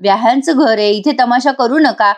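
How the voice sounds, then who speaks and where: A polite, worried father who folds his hands and apologises to keep the peace, read out by a female narrator. The voice stays a little high. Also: brisk, lightly acted. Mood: apologetic.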